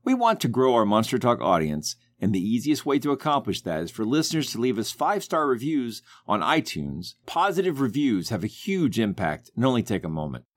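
A man's voice: mid-range voice, sing-song, a little fast, hardly any pauses, no room sound. A man hosting a podcast in a casual, conversational style. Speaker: podcast host.

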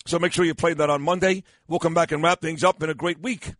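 A man's voice: on the high side, steady tone, fast, fairly bright tone, no room sound. A man hosting talk radio in a blunt, teasing, casual way on a close studio microphone. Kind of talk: casual call-in radio banter and ad reads.

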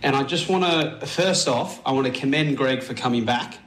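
A man's voice: mid-range voice, moderate pace, a bit bright. An Australian man co-hosting a radio show from his living room over Bluetooth earbuds. He chats casually and earnestly, often restarting his phrases, and his voice comes through muffled as if underwater. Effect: Bluetooth earbud mic, sounds underwater. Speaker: radio co-host. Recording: echoey, muffled earbud line with faint noise.

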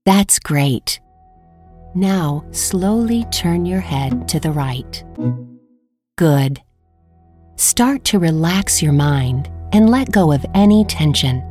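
A woman guides listeners through a relaxation exercise, speaking slowly and soothingly. Her voice is mellow and a little low, with soft music playing behind her. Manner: slow, calm, soothing instructions. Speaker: meditation guide. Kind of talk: scripted guided meditation.

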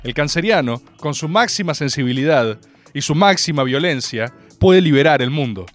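A man's voice: a little high, normal speed, faint music behind. A young adult man with a Rioplatense Spanish accent, hosting a comedic radio show in a joking, ranting monologue full of swearing. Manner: animated, joking, rants with swearing. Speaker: radio host.

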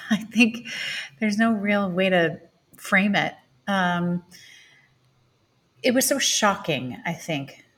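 A stage actress in her thirties, speaking as a guest on a casual podcast interview, has a low-leaning, fairly bright voice. She sounds thoughtful and searching and uses many fillers.

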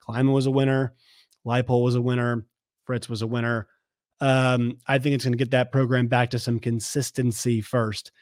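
A man hosting a sports show, giving emphatic commentary to viewers in a slightly hoarse voice and repeating his points. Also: mid-range voice, level tone, normal speed, darkish tone, no echo, clean studio sound.

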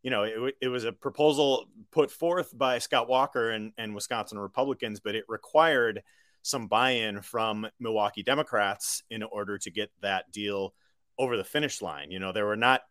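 An American man, a journalist being interviewed, giving conversational political analysis in a measured, explanatory way. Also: lowish voice, a bit bright, dry recording. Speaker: independent journalist, interview guest.

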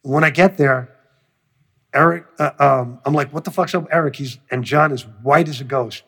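A man in an interview with a husky, slightly raspy voice, spinning a long anecdote. He talks loosely and profanely, and he jumps into the voices of the people in his story as he goes. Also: fairly high pitch, moderate pace. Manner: profane, animated storyteller who acts out quotes. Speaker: music producer.

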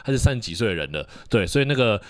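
Young male podcast host, brisk storyteller, fairly low voice, dry close sound. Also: sing-song, no echo. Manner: storytelling, acting out quoted dialogue. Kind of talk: casual chat.

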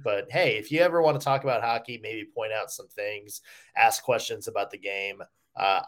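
A man with a middle-pitched voice hosts a podcast in an easygoing, wry way. His delivery is relaxed and conversational. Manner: easygoing, wry, hosting sign-off. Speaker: podcast host. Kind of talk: casual podcast chat.

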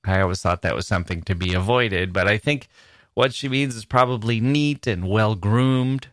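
A podcast host with a fairly low voice reads out personal ads at normal speed, offering wry, amused solo commentary and musing aloud in rhetorical questions. The studio-quality recording has no echo.

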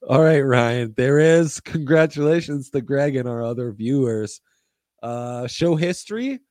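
A man's voice: mid-range voice, animated, a little slow, darkish tone, dry recording, studio quality. A man co-hosting a sports show in casual, wry chat, often repeating phrases for emphasis. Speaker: sports podcast co-host.

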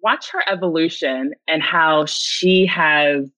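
Young adult woman guest, bright forward tone, dry slightly dull recording, earnest. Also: sits low, slow pace, dry recording. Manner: earnest, grows emotional. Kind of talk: podcast interview.

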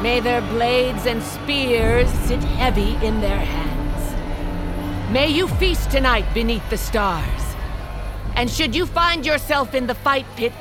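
A woman playing a fierce, bloodthirsty warrior queen, declaiming solemnly and ceremonially in an audio drama. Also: a little high. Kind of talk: audio fiction drama acting.

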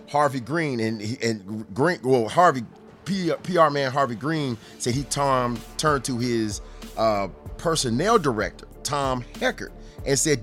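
Speaking in a mid-range, slightly bright voice, this man hosts a podcast where he rambles through sports stories in a relaxed, conversational manner, adding amused asides along the way.

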